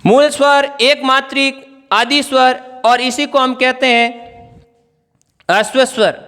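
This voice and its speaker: A man's voice: very high voice, steady tone, slow pace, sharp tone, in a large hall. A male teacher giving an exam-prep grammar lesson, asking questions and answering them himself as he writes on a board. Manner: writes on a board while explaining.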